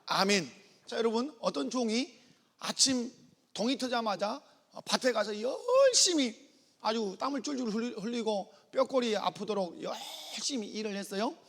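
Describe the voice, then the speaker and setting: A man's voice: extremely high pitch, animated, normal speed, gravelly, a bit bright, in a large hall. A man preaching a sermon as pastor, acting out little dialogues and calling for the congregation's response. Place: church sanctuary.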